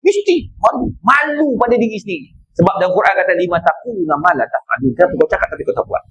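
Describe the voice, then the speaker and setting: A middle-aged Malaysian man with a Malaysian Malay accent giving a joking, animated religious lecture in a mosque. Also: sits high, very fast, husky, dull audio. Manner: animated, joking storyteller, acts out people. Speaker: preacher.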